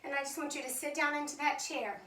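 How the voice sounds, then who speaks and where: A woman's voice: high voice, fairly even intonation, fast, fairly bright tone, a little hiss or hum. A woman instructor leading a Pilates chair class, counting reps and encouraging the group, a little out of breath. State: slightly out of breath. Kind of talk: live fitness class cueing. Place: fitness studio. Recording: echoey studio from far off.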